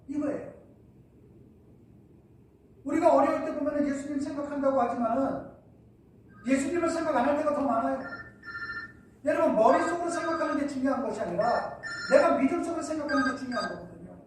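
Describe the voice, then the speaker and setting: A man's voice: very high voice, a little hiss or hum. A male pastor preaching a sermon, asking the congregation rhetorical questions. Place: church hall. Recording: echoey church from far off.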